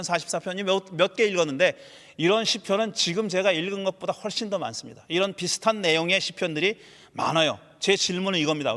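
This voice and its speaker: High-voiced Korean pastor preaching in a reverberant church. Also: male voice. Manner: animated preaching, voicing psalm laments and rhetorical questions. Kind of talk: sermon. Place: church sanctuary. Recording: church hall with long reverb.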